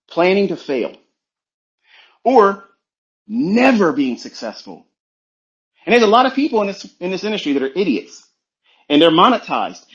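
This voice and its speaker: A man's voice: high voice, highs cut off. A man coaching traders in a blunt, preachy, profane motivational talk on a live audio space. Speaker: trading coach.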